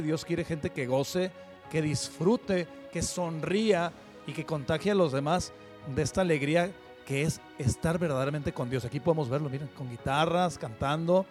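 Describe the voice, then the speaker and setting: Fervent man hosting, bright pitch. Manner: fervent, preachy, addresses viewers directly. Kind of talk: earnest spoken commentary.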